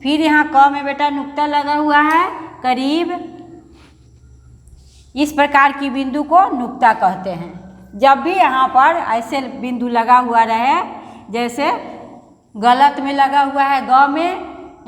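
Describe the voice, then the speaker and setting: A woman Hindi teacher with a Bihari accent, slowly and patiently explaining a lesson to young children. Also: sits high. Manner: patient, slow explaining, calls pupils "beta". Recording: long hall reverb.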